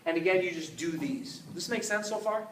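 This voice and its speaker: A man in his fifties giving a lively conference talk, often checking in with the audience. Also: high voice, a little fast, a little hiss or hum. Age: 50s. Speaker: conference speaker. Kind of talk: live presentation. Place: conference hall. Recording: echoey hall, mic at a distance, audience around.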